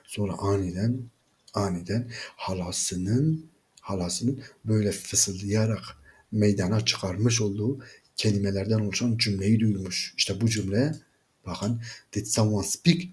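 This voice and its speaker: Teacher, man, lowish voice, patient explaining. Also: steady tone, a little slow, darkish tone. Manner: explanatory, repeats with "yani". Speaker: English teacher. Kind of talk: reading a story and translating it. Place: video lesson recording.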